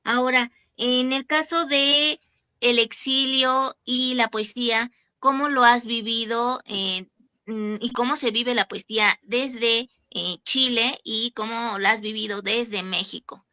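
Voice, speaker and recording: A woman's voice: a little high, steady tone, takes it slowly, pushed and bright, no echo. A woman hosting an interview, putting several questions to her guest one after another with brief hums between them. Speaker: host.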